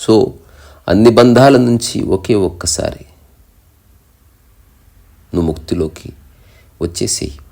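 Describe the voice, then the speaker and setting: A deep-voiced man giving a spiritual discourse, his tone low and gravelly with a dark, mellow color. He chants Sanskrit verses slowly and then explains them plainly, like a teacher.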